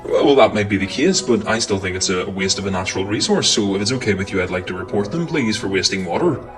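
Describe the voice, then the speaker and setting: A man talking in a pompous, snooty and indignant way. His voice sits a little low, and music plays clearly behind him. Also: animated, fast talker, low-quality recording. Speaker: comedian playing a posh prank caller. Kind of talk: character comedy sketch.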